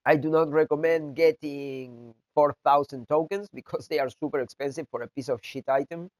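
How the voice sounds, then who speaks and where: A video game content creator, a man whose first language isn't English, gives a casual gameplay tutorial in a nasal voice that sounds congested from the flu. His delivery is halting, packed with fillers and restarts, pitched a little high with fairly even intonation. The recording is dry.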